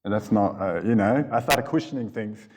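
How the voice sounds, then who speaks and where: At a church hall, a new man shares his testimony with a congregation, telling his story casually and chuckling often. His voice is lowish and a little mellow at a moderate pace, with the long reverb of the church hall audible.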